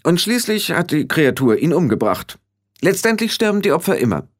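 A stern old witch who gives firm, clipped orders, her voice pitched high and moving a lot. A man puts her on in an audiobook reading. The delivery stays commanding and no-nonsense. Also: sing-song, normal speed.

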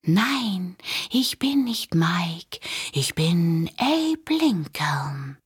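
A woman voicing a playful man who fakes a ghostly whisper from behind a closet door, slow and breathy. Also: sits high, steady tone, fairly bright tone, dry recording, clean studio sound, pitched above the performer's own voice, heavily acted. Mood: spooky teasing.

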